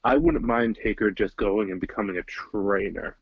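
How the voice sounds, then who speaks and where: A man's voice: on the low side, steady tone, normal speed, breathy edge, no echo, phone-quality sound. A man co-hosting a casual podcast, talking in a chatty, easygoing way. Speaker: podcast co-host.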